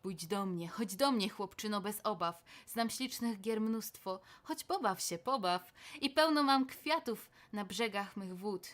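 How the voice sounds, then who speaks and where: A woman voicing a seductive male elf king spirit who coaxes and menaces in a low, hushed manner. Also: unhurried, few pauses, natural voice. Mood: coaxing.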